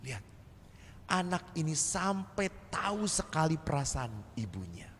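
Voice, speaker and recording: Animated priest in a reverberant church. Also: male voice, fairly high pitch, measured pace, slight background noise. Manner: animated storyteller who acts out dialogue. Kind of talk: seminar talk in sermon style. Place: large church.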